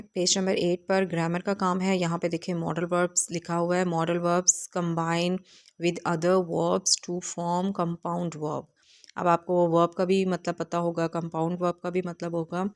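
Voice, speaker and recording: In a video lesson, a woman with a voice on the low side teaches from an English textbook. She reads the English lines slowly and carefully, then explains them with hesitant fillers.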